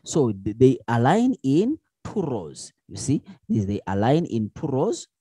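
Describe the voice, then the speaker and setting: Teaching in a lively style, this man asks his own questions and answers them, frequently restarting sentences and using fillers as he explains the lesson. He speaks at medium pitch, unhurried and husky, with no echo in the recording.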